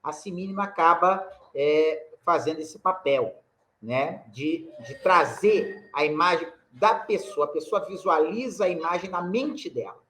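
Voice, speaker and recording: A Brazilian-accented man lectures a poetry workshop over a video call. His voice sits a little high for a man, and he explains each rule patiently, checking in with quick tag questions. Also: a bit bright, slight background noise. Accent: Brazilian Portuguese.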